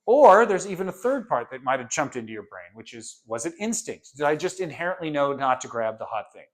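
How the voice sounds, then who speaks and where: A man's voice: fairly high pitch, big pitch swings, brisk. A man teaching a course in a casual, conversational lecture, firing off rhetorical questions and briefly acting out what his students or parents might say. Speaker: course instructor.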